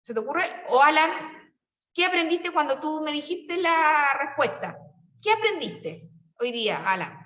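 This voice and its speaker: A woman's voice: sits high, big pitch swings, a little slow, pushed and bright. A Chilean woman teaching a class, explaining patiently and coaxing her students with questions. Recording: distant, roomy and dull-sounding.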